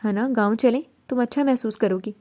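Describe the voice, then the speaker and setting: A woman reading the part of a caring young husband who speaks gently. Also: fairly high pitch, natural voice. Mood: gentle.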